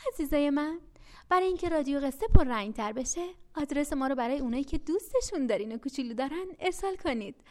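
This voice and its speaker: An energetic woman telling a story on a children's radio show. Her voice is high and very animated, rising and falling as she speaks affectionately to the young listeners.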